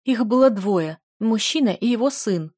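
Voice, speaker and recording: A woman's voice: on the high side, animated, moderate pace, a little mellow, no room sound, studio quality, pitched above the performer's own voice. A woman voicing a frail, worried old mother who sobs while telling of rumors about her son. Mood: tearful. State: sobbing.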